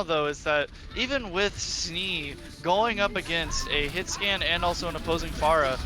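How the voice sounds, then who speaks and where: A man giving live color commentary on an esports match, quick to get excited. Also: a little high. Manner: enthusiastic, excitable. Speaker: esports co-caster.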